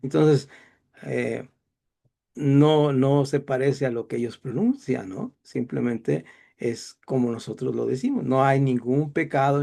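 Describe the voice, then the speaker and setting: A man's voice: medium pitch, creaky, mellow, breathy edge. A middle-aged man with a Mexican accent giving a Bible class in a chatty, digressive lecture style. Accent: Mexican Spanish. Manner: digressive, chatty, self-deprecating asides. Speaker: Bible teacher.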